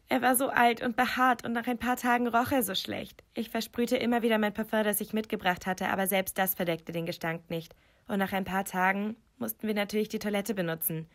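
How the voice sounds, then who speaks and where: A woman reading a scripted first-person story aloud, dramatic and emotive, her pitch rising sharply at tense moments.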